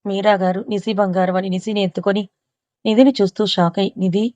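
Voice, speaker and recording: A woman narrating a romance novel aloud in a steady storytelling manner. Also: medium pitch, fairly quick, no room sound, muffled recording. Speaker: audiobook narrator.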